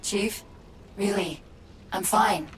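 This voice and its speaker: An actress playing Cortana, a witty military AI companion with a failing mind, expressive and urgent in a video game. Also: female voice, medium pitch, slow, slight background noise, lightly acted, low-quality recording. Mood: subdued, pained. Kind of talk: cinematic video game acting. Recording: loud music under the voice.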